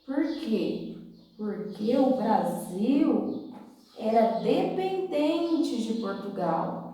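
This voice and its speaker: A woman's voice: a little high, very animated, drawn-out words, warm tone, distant mic. A Brazilian woman teaching preschoolers like a kids show host, explaining simply and repeating herself as she tells a story to small children. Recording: very echoey room, away from mic.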